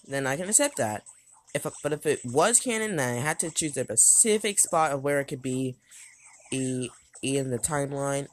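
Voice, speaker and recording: A woman giving rambling, hesitant commentary over an arcade game she is reviewing, often restarting and correcting herself. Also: lowish voice. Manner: talks loudly over game music at times. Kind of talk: gameplay commentary.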